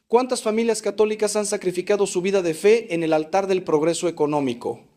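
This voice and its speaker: A male priest delivers a sermon in a somewhat high voice. His preaching is emphatic, swinging up for stress and dropping low at the ends of phrases. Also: steady tone, brisk, mellow. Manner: emphatic preaching with sweeping rises and falls.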